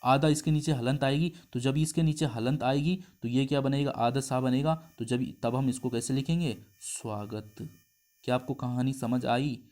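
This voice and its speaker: A man teaching a Hindi grammar lesson in a middle-pitched voice. He breaks each step down and keeps checking whether his listeners follow. He stretches syllables out slowly and says them over. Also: fairly even intonation, darkish tone. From India. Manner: explains step by step, asks the class questions. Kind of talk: exam-prep lesson.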